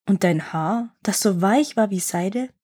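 An earnest, trusting young prince who asks questions in wonder, as a woman reading a fairy tale voices him. His tone is gentle, with a breathy, husky softness. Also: medium pitch, animated, unhurried. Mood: puzzled.

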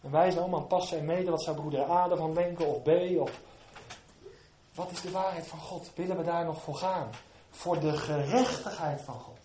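A man preaching a sermon to his congregation, moving between quiet, low asides and loud, fervent emphasis. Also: fairly even intonation, brisk, echoey room, a little hiss or hum.

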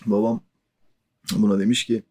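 A man's voice: fairly low pitch, level tone, normal speed, dark tone, husky. A man in his forties telling a personal story in a casual, conversational way, chuckling between loose filler words. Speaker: podcast storyteller.

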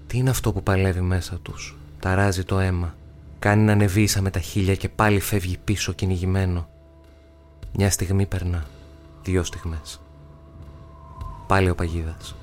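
Deep, flat male audiobook narrator. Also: a little hiss or hum. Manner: measured, dramatic pauses. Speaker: actor narrating a novel.

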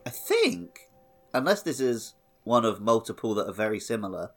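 On a game playalong podcast, a male co-host chats in a joking, informal way, his lowish voice very animated at a moderate pace. Faint music plays behind him.

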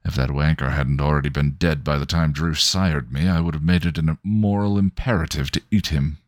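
A man's voice: rumbling low, brisk, no room sound, clean studio sound. A man voicing an irritable male vampire, blunt and swearing. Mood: scornful.

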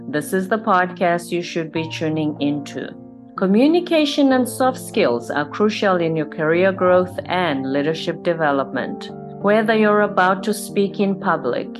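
A woman with a slightly low voice hosts a podcast. She presents and puts questions to her guest in a conversational interview style. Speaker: podcast host.

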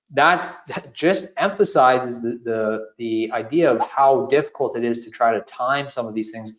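A man co-hosting a casual finance podcast, explaining things steadily with occasional repeated words. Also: medium pitch. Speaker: podcast co-host. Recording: roomy, slightly dull sound.

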